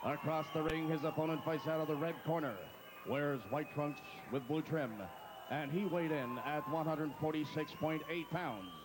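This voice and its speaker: Booming bilingual boxing ring announcer man. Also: fairly even intonation, noisy background. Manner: booming, drawn-out announcer delivery. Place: indoor boxing arena.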